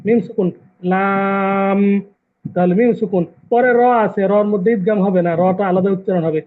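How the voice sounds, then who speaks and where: Over a tinny, phone-like call line, a man with a high-pitched voice talks fast while teaching the rules of Quran recitation online. He patiently repeats the terms and quizzes his students.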